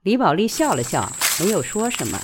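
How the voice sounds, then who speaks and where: A woman storyteller narrating a novel in a Wuhan dialect with expressive delivery. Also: medium pitch, brisk, noisy background. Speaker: audiobook storyteller.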